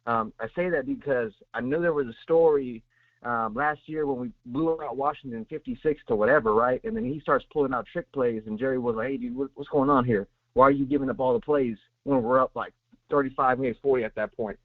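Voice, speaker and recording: A man calls into a sports show over a tinny phone line and rambles through his opinion, full of fillers and restarts. His voice is medium-pitched and brisk, with no echo.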